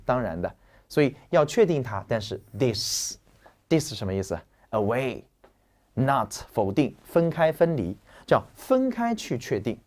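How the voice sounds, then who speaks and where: Joking, lively man teaching vocabulary. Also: medium pitch. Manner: lively, joking, slangy explaining. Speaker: English teacher. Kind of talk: classroom vocabulary lecture.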